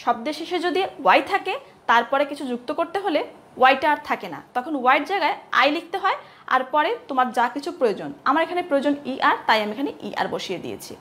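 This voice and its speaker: A woman lecturer teaching a grammar lesson to students. She asks questions, answers them herself and repeats example words slowly. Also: high voice, big pitch swings, a bit bright. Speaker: English lecturer.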